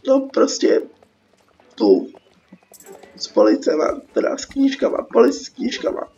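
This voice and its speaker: Fairly high and gravelly yet mellow, her voice swings hugely in pitch, with a little hiss or hum in the audio. The young Czech-accented host, sick with a cold, gives rambling, slangy, sarcastic game commentary as a dull lo-fi track over game music.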